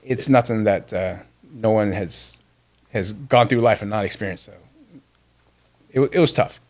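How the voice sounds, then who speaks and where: As a podcast guest, this Vietnamese-born man in his fifties, whose first language is Vietnamese, tells a personal story with earnest sincerity and frequent restarts. His voice is fairly low and darkish, at a measured pace.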